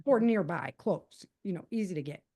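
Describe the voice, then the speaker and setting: A middle-aged woman, an author and self-defense advocate appearing as a podcast guest, has a low, husky, darkish voice that is expressive at a moderate pace. She gives conversational advice emphatically, repeating key points and acting out example dialogue.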